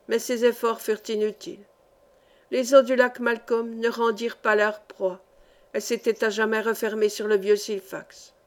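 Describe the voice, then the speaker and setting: Woman, audiobook reader, literary narration, measured and expressive, a touch high-pitched. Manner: measured, expressive reading that rises for shouted lines.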